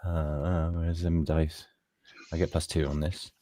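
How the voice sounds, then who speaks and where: A man playing a tabletop game, talking casually and haltingly as he works out his turn. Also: deep voice, flat delivery, warm tone, no echo. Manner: halting, restarts often. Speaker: player.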